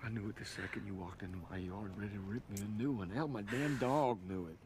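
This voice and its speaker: A man's voice: fairly low pitch, fast, background noise, natural voice. An actor playing an intense, wounded young country man, making an emotional, insistent confession in a film drama. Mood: impassioned confession. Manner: emotional, insistent confession, repeating himself emphatically.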